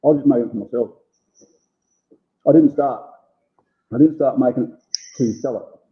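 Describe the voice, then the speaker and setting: Man, Australian accent, medium pitch, informal interview guest, plain-spoken casual chat, narrow phone-like sound. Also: normal speed. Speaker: interview guest, small food business owner.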